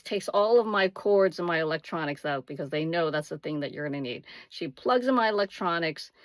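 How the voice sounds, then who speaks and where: A woman with a lowish voice shares a first-person story in a casual vlog style. She leans on key words for dramatic effect. The recording is dry, with hardly any room sound. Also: no echo. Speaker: vlogger.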